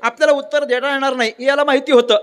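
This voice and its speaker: A man from Maharashtra preaching a devotional sermon as a lively storyteller, who keeps tossing rhetorical questions at the crowd. His voice is strikingly high for a man. It carries through a long, ringing hall reverb. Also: fast talker. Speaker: kirtan preacher.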